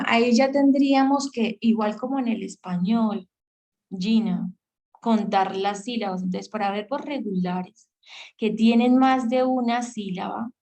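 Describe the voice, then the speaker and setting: A woman's voice: medium pitch, darkish tone, poor audio. A woman teaching an English grammar class over a video call, explaining patiently and often checking that students follow. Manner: patient, checks understanding with questions. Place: virtual session.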